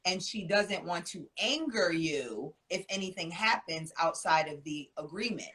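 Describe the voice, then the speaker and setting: Lower-voiced female love coach. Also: a little slow, low-quality recording. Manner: calm, analytical, reflects back what she heard. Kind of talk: casual podcast conversation.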